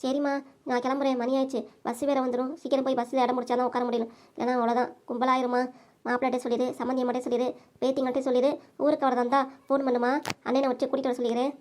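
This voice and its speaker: A woman's voice: sits high, little pitch movement, racing, darkish tone, close to an everyday voice. A woman voicing a selfless, worried older village mother with a southern Tamil accent, fussing and insistent. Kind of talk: cartoon voice acting.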